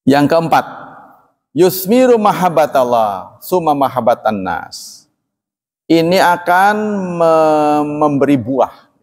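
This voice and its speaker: A man's voice: a little high, slow, pauses often. A man preaching a religious lecture to a congregation, speaking plainly and evenly, often asking listeners to agree. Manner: plain, even delivery, calls himself flat-spoken. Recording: long reverb in a hall.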